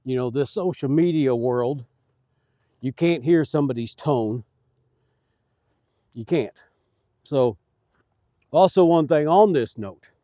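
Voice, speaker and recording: A man's voice: mid-range voice, warm tone, no room sound. Middle-aged bee guy rambling folksy and earnest outside by his hives, dry sound. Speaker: beekeeper. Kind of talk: casual vlog talk. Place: outdoors at beehives.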